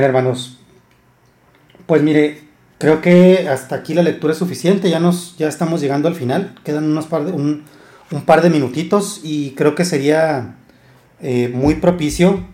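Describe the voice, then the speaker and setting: Brief: a male Bible teacher with a mellow tone, reading and reflecting haltingly, recorded in a roomy space. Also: on the high side. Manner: hesitant, many fillers and repeated words. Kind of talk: scripture reading and sermon. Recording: roomy echo.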